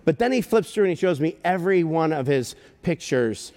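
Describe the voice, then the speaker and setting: Guy pastor telling a story in his sermon, kinda high voice, lots of hall echo. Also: a little fast. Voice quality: animated, self-deprecating storyteller. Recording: long reverb in a church hall.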